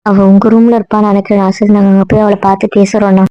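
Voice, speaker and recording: ஒரு பெண் நடிகை, நேரடியாகவும் கடிந்துகொள்ளும் விதமாகவும் பேசும் இளம் பெண்ணாக நடிக்கிறார். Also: female voice, mid-range voice, level tone, clear, resonant tone, no echo, lightly acted. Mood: calm. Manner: quick, blunt, scolding. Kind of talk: web serial acting. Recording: dry dull lo-fi sound.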